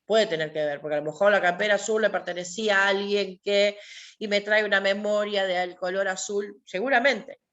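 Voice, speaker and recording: A woman's voice: medium pitch, steady tone, fairly quick, fairly bright tone, muffled recording. Emphatic Argentine woman teaching a class. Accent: Argentine Spanish. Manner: repetitive, emphatic, asks rhetorical questions. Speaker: workshop teacher. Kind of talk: online class lecture.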